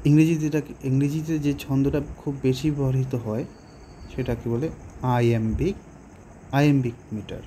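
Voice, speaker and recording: A man with a Bengali accent explaining a poem to students, slowly and patiently, with pauses and rhetorical questions. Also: medium pitch, fairly even intonation, dark tone, a little hiss or hum. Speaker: teacher. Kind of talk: poetry lesson explanation.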